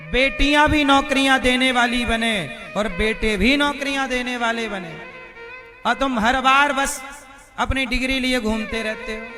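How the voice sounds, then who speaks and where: A male spiritual preacher giving a devotional discourse to a crowd, firing rhetorical questions at the audience and hammering points home with emphatic repetition. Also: very high-pitched. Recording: violin music playing behind.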